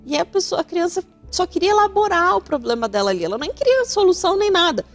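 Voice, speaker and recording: A woman's voice: very high-pitched, sing-song, fast talker, soft background music. A woman with a Brazilian Portuguese accent hosting an advice talk show, speaking animatedly and acting out the voices she quotes. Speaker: radio host giving family advice.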